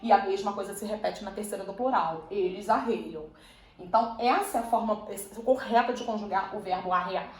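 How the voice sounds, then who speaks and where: A woman's voice: mid-range voice, a little fast. A woman teacher gives a grammar lesson, explaining patiently and checking in with her listeners. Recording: echoey room, faint ambient noise.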